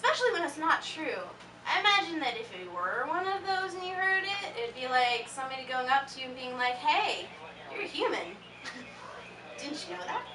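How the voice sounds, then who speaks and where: A woman's voice: sits high, sing-song, normal speed, sharp tone, full character voice. A woman playing a giggly, tipsy teenage girl. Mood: breezy. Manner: breezy, rambling, giggly. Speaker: convention panel performer. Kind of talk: live comedic stage monologue. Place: convention panel room before a laughing audience. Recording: echoey room from far off, noisy.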